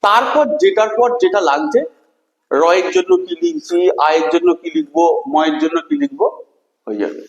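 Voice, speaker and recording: Male teacher, very high voice, lively delivery, echoey classroom with long reverb. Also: moderate pace, creaky, muffled recording. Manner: questions and answers with students, spells words letter by letter. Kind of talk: classroom lesson.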